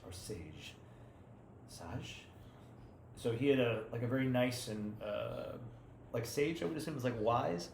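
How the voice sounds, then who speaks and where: A man reading aloud at a very slow, halting pace and often stopping to correct himself. His voice sits at an ordinary middle pitch. The room is echoey, with a faint hum of background noise. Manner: hesitant, halting, self-correcting. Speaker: language learner reading aloud. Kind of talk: reading practice session.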